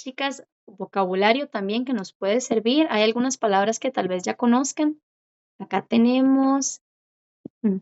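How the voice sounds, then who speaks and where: A woman teaching a Korean class, who repeats words slowly and keeps checking in with her students. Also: a little high. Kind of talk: online class explanation. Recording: dull lo-fi audio.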